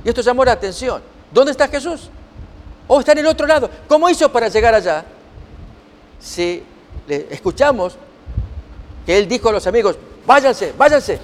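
High-voiced preacher in a reverberant hall. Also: male voice, lively intonation, normal speed, pauses often. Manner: reads scripture aloud and asks the listeners rhetorical questions. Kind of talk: sermon-style Bible teaching.

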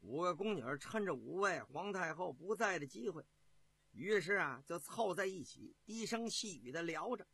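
A male storyteller performs a traditional tale with lively, swooping intonation and a bright, forceful tone. His voice is husky, and he keeps turning to the listeners with chatty asides. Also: sits high, moderate pace.

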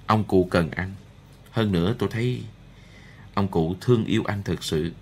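A man voicing a gentle, kind noblewoman and mother in an audiobook, speaking softly. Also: deep voice, normal speed, slight background noise. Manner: soft, gentle.

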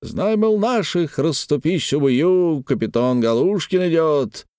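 Мужчина озвучивает хвастливого, пьяного, громкого купца-капитана в аудиокниге. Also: male voice, fairly high pitch, lively intonation, measured pace, clear, resonant tone, dry recording, studio quality, pitched above the performer's own voice. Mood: triumphant shouting. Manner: shouting, bragging, speaks of himself in third person. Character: boisterous drunken male merchant captain, boastful.

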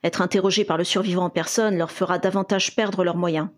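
A man's voice: high-pitched, fairly even intonation, a little fast, close to an everyday voice. A woman reading aloud and voicing a wary, calculating wizard investigator advising his partner.

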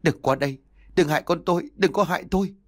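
A man voicing a young pregnant wife who is fierce and terrified, with a shrill, pleading manner. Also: expressive, moderate pace, no room sound, studio quality.

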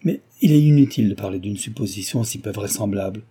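A man's voice: on the low side, quick pace, warm tone, slightly rough. A man voicing an ardent, passionate young suitor in an audiobook, pleading with energy. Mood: impassioned. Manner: impassioned, pleading.

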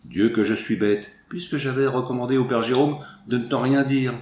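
A man voicing a loud, jovial young country soldier who talks bluntly and boisterously. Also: steady tone, normal speed, roomy sound, slight background noise, lightly acted. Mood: hearty. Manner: boisterous, booming country talk.

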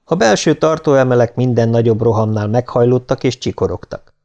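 A man narrating an audiobook in an even, measured storytelling manner. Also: mid-range voice, lo-fi sound.

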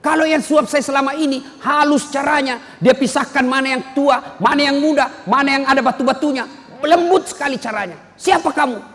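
A man playing a suspicious blind old man who shouts accusations in a sermon story. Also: very high voice, a little fast, voice pushed up. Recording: long hall reverb.

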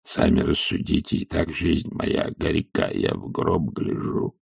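A man's voice: extremely low pitch, steady tone, a little slow, gravelly, husky, no echo, clean studio sound, full character voice. A man voicing a timid old servant who mumbles meekly to his master. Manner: mumbling, meek. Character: old timid male servant, grumbling and humble.

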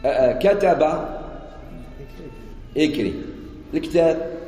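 A man's voice: a little high, expressive, a little slow, mellow, soft background music. A man with an Algerian Arabic accent teaching Quran commentary in an informal way, quizzing his listeners and answering the questions himself. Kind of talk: informal religious lesson in dialect. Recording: echoey hall with long reverb.

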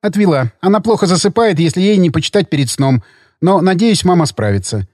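A man voicing a young married woman in an audiobook, speaking in a sharp, hissing and cold way. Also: high-pitched, lively intonation, a little fast, slightly rough, dry recording, clean studio sound. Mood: cold, angry. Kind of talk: audiobook character reading.

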